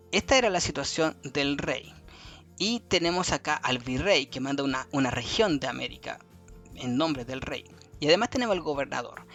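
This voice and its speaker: A man teaching a review lesson to schoolchildren, repeating key words slowly for emphasis. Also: on the high side, fairly bright tone. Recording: faint music behind.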